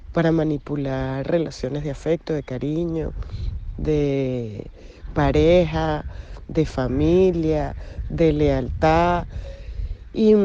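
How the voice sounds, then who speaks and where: A woman giving a personal recovery testimony, reflective and searching, pausing between phrases. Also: on the low side, dark tone, dull audio. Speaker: recovery group member sharing.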